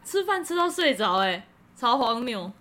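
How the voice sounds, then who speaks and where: A woman's voice: a little high, moderate pace. A woman podcast host telling her own stories in casual chat, from Taiwan. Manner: lively storytelling.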